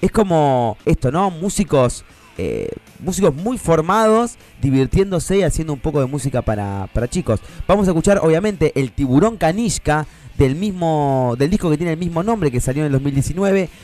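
A man's voice: a little high, big pitch swings, moderate pace, darkish tone, soft background music. Chatty man with a rioplatense accent. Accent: Rioplatense Spanish. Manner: chatty, enthusiastic, many fillers and restarts. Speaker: radio host. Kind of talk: casual radio chat about children's music.

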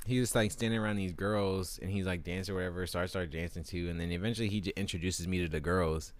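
A man's voice: low-pitched, steady tone, fast, no room sound. A young man delivering a crude, rambling, exasperated comedic rant to camera with lots of fillers. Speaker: vlogger.

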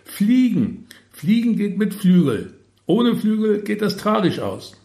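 A man's voice: medium pitch, moderate pace, voice pushed up, close to an everyday voice. Man barking as a bossy crane flock leader. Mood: bellowing. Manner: barking commands, yelling.

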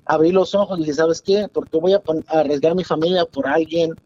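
A man's voice: a little high, brisk, mellow, no room sound. A man calling in to a radio show, telling a long confessional story in a rambling way over a dull phone line. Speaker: caller.

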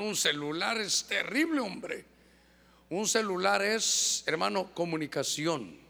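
A man preaching a sermon, exhorting his congregation fervently and acting out church members in quick asides. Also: high voice, gravelly, bright, forceful tone. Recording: long hall reverb.

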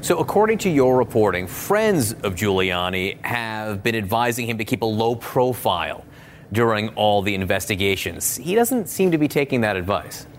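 A male cable news anchor speaks from the studio, and his pitch rises and falls widely as he makes his points. His delivery is pointed and indignant, with a scripted, editorial cadence. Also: very animated, moderate pace, slight background noise.

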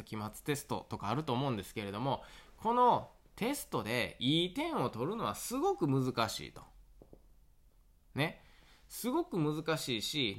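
Lively Kansai-accented man chatting solo. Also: a little high. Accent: Kansai Japanese. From Awaji Island, Japan. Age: 30s. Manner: rambling storytelling with many fillers. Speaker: podcast host and farmer. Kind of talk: casual solo radio talk.

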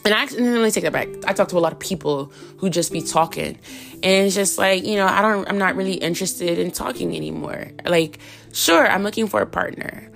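A woman in her thirties hosts a casual solo podcast, speaking frankly and with lots of fillers. Her voice sits low with a gravelly fry and the odd hiccup or cough. A faint guitar plays underneath. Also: a little fast. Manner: candid, frank and chatty with many fillers. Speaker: podcast host.

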